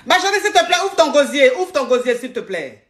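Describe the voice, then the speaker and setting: A woman's voice: high voice, big pitch swings, brisk, a bit bright. A woman hosting a live call-in advice stream, playful and repeating her phrases.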